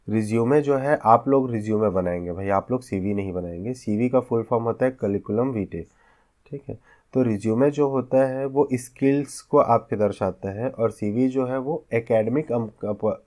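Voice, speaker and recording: A man's voice: fairly low pitch, darkish tone. A man teaching a vocational class, explaining step by step and often checking whether students follow. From India. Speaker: vocational instructor. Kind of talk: classroom lecture.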